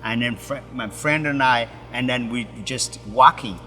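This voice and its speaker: A middle-aged man from Ethiopia, a pastor, telling his life story in halting, broken with many restarts. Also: mid-range voice, sharp tone, long reverb tail, soft background music. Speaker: pastor, interview guest. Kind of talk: personal story in an interview.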